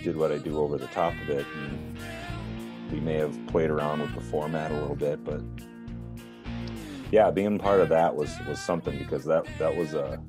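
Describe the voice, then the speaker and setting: A man, the band's singer, reminiscing in an interview, halting and thoughtful with many fillers. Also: very deep voice, steady tone, music in the background. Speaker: band singer.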